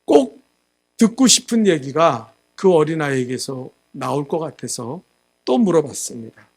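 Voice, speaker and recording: A male pastor giving a sermon, telling a story and acting out the quotes, growing loud at the high points. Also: big pitch swings, a little slow. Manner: storytelling with acted quotes, rising loud at climaxes. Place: church sanctuary.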